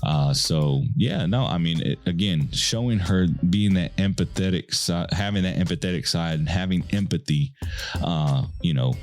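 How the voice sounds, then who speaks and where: A man with a very low, deep voice talks through parenting advice as a podcast host. His delivery is earnest and conversational, and he keeps checking in with his listeners. Faint music sits quietly underneath. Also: moderate pace. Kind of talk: casual advice talk.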